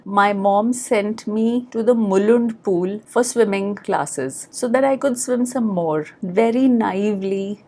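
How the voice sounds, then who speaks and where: Recounting personal memories on her podcast, this woman with an Indian accent speaks plainly and reflectively. Her voice is mid-range and a little mellow.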